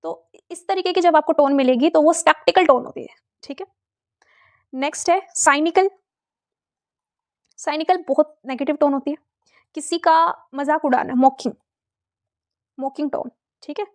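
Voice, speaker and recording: High-pitched woman teaching an exam class. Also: darkish tone. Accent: Indian English. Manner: explains terms with quick checking questions; mixes Hindi and English. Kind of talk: exam-prep lesson.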